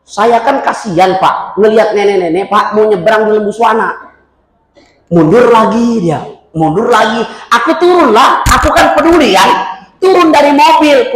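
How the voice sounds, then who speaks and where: A male preacher, giving a humorous sermon with lively storytelling and emphatic shouting. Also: very high voice. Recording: echoey hall with faint noise.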